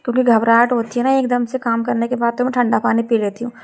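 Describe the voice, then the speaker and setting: A young woman talks through her household chores in a casual home vlog, her voice hoarse and heavy from a sore throat. She rambles, grumbles and corrects herself as she goes, speaking in a fairly high voice. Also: level tone, fast talker. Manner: rambling, complaining, self-correcting. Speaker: home vlogger. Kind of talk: casual chatty vlog narration.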